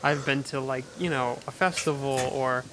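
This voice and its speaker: A man's voice: mid-range voice, steady tone, moderate pace. A man hosting a podcast interview in casual chat, laid-back and full of "like". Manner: laid-back, heavy use of "like". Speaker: podcast host. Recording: faint hiss.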